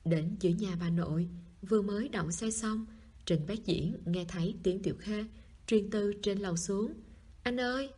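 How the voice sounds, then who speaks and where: A woman reads a novel aloud as an audiobook. Her voice is husky and a little breathy, and she keeps a calm, even storytelling pace. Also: mid-range voice, normal speed. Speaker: audiobook narrator. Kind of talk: audiobook narration.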